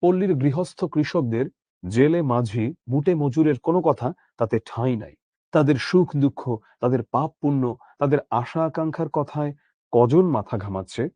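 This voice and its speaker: A man's voice: mid-range voice, normal speed, warm tone, no room sound. A man from Bangladesh, teaching an explanatory lecture, explaining line by line, asking rhetorical questions and checking that students follow.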